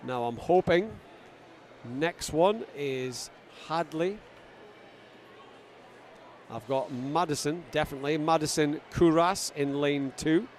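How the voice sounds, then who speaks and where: A Scottish man giving live sports commentary from ringside, getting excited as the action builds. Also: on the high side, slow pace, pauses often, a little hiss or hum. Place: ringside at a busy event venue.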